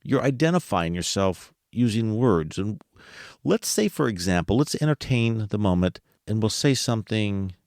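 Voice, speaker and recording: Low-voiced man hosting a podcast. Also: lively intonation, moderate pace, darkish tone, no room sound, clean studio sound. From United States. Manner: conversational, asks listeners rhetorical questions; chuckles while talking. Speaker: podcast host. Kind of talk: casual podcast monologue.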